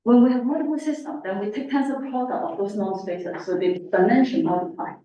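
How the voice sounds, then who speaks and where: Echoey, mellow woman lecturing through a face mask. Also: medium pitch, lively intonation, highs cut off. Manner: halting, explanatory. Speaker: academic lecturer, researcher. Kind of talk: informal technical lecture. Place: indoor lecture room. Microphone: distant room microphone. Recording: very echoey, distant, faint room noise.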